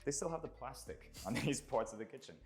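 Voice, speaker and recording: A man's voice: medium pitch, expressive, quick pace, over music. A man presenting a property tour in a casual, explanatory way, with chatty asides as he goes.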